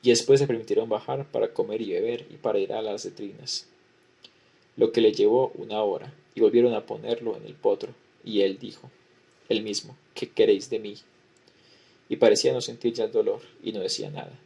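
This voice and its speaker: A man lecturing, reading a historical record aloud in a measured way and repeating the same formula as he goes. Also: on the low side, fairly even intonation, gravelly, dark tone, husky.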